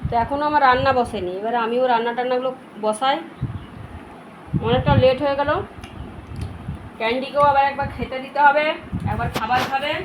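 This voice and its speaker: A middle-aged Bengali woman talks in a fairly high voice, like a homely auntie chatting to her household. Her phrasing is casual and repetitive, a little fussing. It is a home video recording with light noise behind her. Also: steady tone, fairly quick, long pauses. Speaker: family vlogger. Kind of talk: casual home vlog chat. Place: inside a home.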